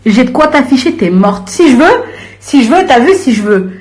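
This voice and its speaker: A young woman ranting to viewers on a live stream in a confrontational, slangy way, swinging from low grumbling to shrill outbursts. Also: sing-song, normal speed, darkish tone.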